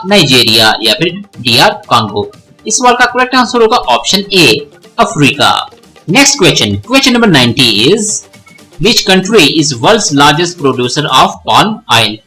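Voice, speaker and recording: Quiz narrator, lively bright voice, faint music behind. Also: mid-range voice, low-quality recording. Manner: reads English questions slowly, then translates briskly. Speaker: exam prep narrator. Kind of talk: reading quiz questions and answers.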